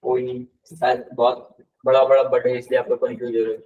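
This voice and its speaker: A man teaching a live language class, patiently repeating words slowly and quizzing his students. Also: mid-range voice, little pitch movement, darkish tone, lo-fi sound. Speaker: Spanish tutor. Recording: voice somewhat distant from the mic.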